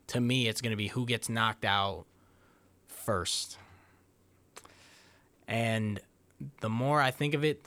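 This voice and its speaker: Co-hosting a sports podcast, a male fight analyst thinks aloud through a fight breakdown, hesitating and restarting. His mid-range voice is a bit bright, recorded with no room sound.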